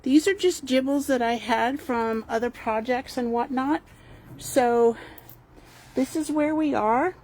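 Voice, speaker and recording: This El Paso, Texas crystal shop owner speaks slowly in a high-sitting, darkish voice while hosting an unscripted, casual video tour. Holding the camera herself in a warehouse, she chats enthusiastically and meanders, and background ambient noise is clearly heard.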